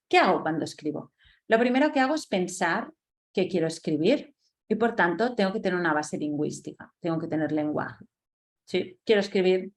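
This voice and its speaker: Slightly low-voiced woman teaching a webinar. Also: a little mellow. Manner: didactic, checks in with frequent "¿sí?", sounds out letters slowly. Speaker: webinar presenter on literacy. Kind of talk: lecture webinar.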